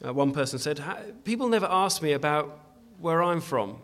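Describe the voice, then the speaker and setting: A man's voice: fairly high pitch, expressive, normal speed, fairly bright tone. A man preaching a sermon in a church, earnest and emphatic, often restarting his phrases as he exhorts the congregation.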